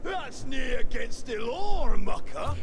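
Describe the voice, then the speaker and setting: A brash Scottish mouse cop in a video game, high and shouty, dragging out his taunts. Loud game ambience roars behind him. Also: big pitch swings, takes it slowly, noisy background, full character voice. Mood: taunting.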